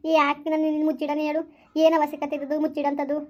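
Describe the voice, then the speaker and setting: A woman's voice: high-pitched, completely flat delivery, quick pace, darkish tone, lightly acted. A woman playing a loyal young wife who soothes and pleads with her mother. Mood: soothing. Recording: dull lo-fi recording.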